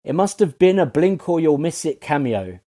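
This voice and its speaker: A man's voice: a little high, very animated, normal speed, mellow. Sarcastic man ranting in a review. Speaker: TV series reviewer. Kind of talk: scripted review voice-over.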